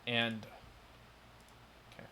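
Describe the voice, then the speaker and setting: A man's voice: extremely slow, sharp tone, a little hiss or hum. A man narrating as game master of a tabletop game, in stop-start speech with many fillers.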